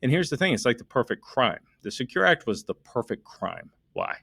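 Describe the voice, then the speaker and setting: A middle-aged American estate planning attorney, with a mid-range voice that is slightly rough and shows vocal fry, speaks at normal speed but very animatedly. The recording is clean studio sound with no echo. He explains a topic to listeners in an emphatic, direct monologue, working through numbers aloud and asking many rhetorical questions.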